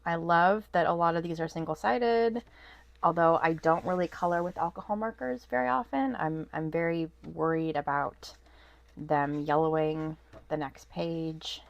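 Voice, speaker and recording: She's a vlog host at her home desk doing a casual haul chat, her voice low, creaky, and nasal from a cold. She moves at a moderate pace, rambling with lots of ums and false starts, and the sound is lo-fi.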